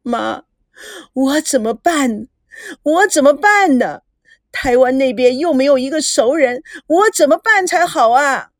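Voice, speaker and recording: A woman voicing a shrill, wronged wife. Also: expressive, unhurried, dry recording, clean studio sound. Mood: wailing. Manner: shrill, wailing accusations. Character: wronged, hysterical middle-aged wife and mother.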